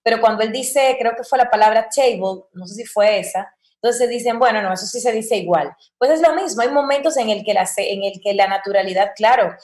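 A woman's voice: fairly high pitch, brisk, hardly any pauses. A woman, a voice-over coach, talking in a podcast interview and acting out quoted examples as she explains. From Dominican Republic. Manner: expressive, acts out quoted examples. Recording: roomy echo.

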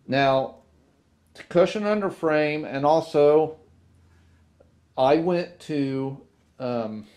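Slow, halting man explaining model trains. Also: fairly high pitch, a little mellow. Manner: unhurried, halting, many restarts and fillers. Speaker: model railroad video host. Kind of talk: casual hobby tutorial. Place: indoor workbench with model trains.

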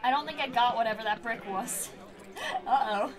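A woman's voice: a little high, a little fast, crowd noise. A young woman streaming a game, chatting casually and reacting aloud with amused comments. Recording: distant mic with clear noise.

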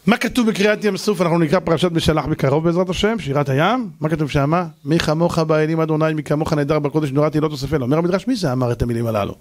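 A man, a rabbi, giving a lively Torah lecture, telling stories and acting out their characters. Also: a little high, hardly any pauses. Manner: animated storytelling, acting out characters.

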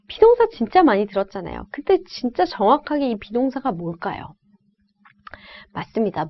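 A woman teaches an English lesson in a bright, high voice that leaps up and down as she coaches. She runs call-and-repeat drills with learners. The sound is a little dull and lo-fi. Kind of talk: online lecture.

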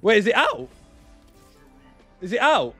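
A young man streaming a strategy game, chatting to his viewers, excitable, repeating himself and bursting into shouts and laughter. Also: sits high, measured pace, dry recording, faint music behind. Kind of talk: live gameplay commentary to chat.

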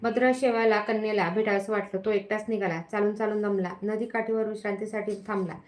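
A woman's voice: medium pitch, fairly even intonation, fairly quick. A woman narrating a devotional vow story aloud, reading steadily with small slips and self-corrections.

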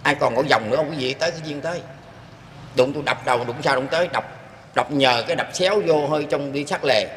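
A man's voice: mid-range voice, fast talker, fairly bright tone. An older man recounts his own experience in a casual, earnest and rambling manner, often turning to address his listeners. His voice carries a long reverberant tail in an echoey room. Faint background noise sits beneath it. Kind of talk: casual spoken storytelling.

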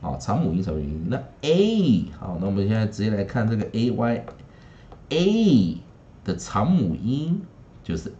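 A man teaching English phonics in Taiwanese-accented Mandarin, with chatty asides and drilling each word slowly three times. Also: fairly low pitch, dark tone. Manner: chatty asides with tag particles. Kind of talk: recorded phonics lesson. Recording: slightly dull lo-fi recording.

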